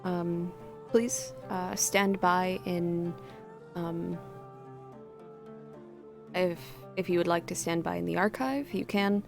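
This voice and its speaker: A woman's voice: fairly low pitch, fairly even intonation, slow pace, vocal fry, pauses often, soft background music. A woman voicing a robed male clergy member who greets visitors in a formal, courteous way.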